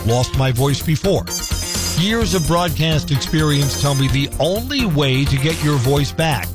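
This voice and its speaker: A male morning radio news host delivers a casual, chatty monologue on a studio microphone, poking fun at himself as his voice recovers from having been lost. His pitch sits fairly high, his delivery is expressive and unhurried, and music plays behind him.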